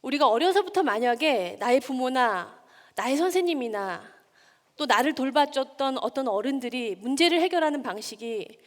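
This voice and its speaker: A woman in her forties gives a warm, engaging talk from a lecture hall stage, asking her live audience questions and acting out scolding lines. Her voice is high-pitched and animated at normal speed. The recording carries the long reverb of the hall.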